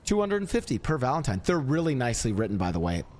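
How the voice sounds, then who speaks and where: Playful man with a lively, swooping voice. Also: mid-range voice, fast talker. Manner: teasing, playful salesman patter. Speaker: roleplay character playing a Cupid. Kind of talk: in-character game roleplay.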